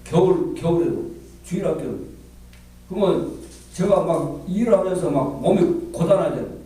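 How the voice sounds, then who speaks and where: A man's voice: high-pitched, expressive, moderate pace, dark tone. A male pastor preaching a sermon in an emphatic, repetitive way, calling out hallelujahs and tossing rhetorical questions to the congregation. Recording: very echoey hall, speaker far from mic, faint noise.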